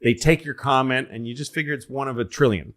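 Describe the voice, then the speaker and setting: A middle-aged man from Massachusetts, co-hosting a podcast in casual chat and telling anecdotes in an animated way, acting out the voices of other people. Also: mid-range voice, quick pace. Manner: animated storyteller, acts out voices in his anecdotes. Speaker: podcast co-host.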